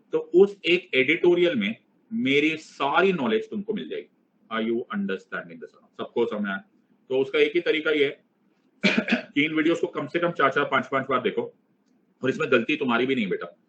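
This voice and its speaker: A man's voice: medium pitch, a bit bright, a little hiss or hum. A male teacher with an Indian accent lecturing a class in a playful, conversational way, mixing in English phrases and acting out his students' replies. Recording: dull lo-fi recording.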